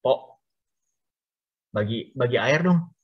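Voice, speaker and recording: Man doing a calm, knowing Betawi-slang man. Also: mid-range voice, slow, slightly rough, muffled recording. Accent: Betawi Jakarta slang.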